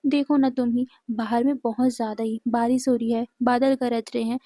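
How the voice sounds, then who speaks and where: A woman reading a caring young man who talks softly and anxiously in a storybook fan tale. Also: on the high side, flat delivery, moderate pace, no echo, lightly acted. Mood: worried. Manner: soft, anxious.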